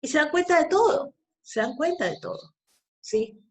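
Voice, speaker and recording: Female law lecturer, emphatic, repeats herself, higher-pitched voice. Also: animated, normal speed. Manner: emphatic, repeats key phrases, frequent tag questions.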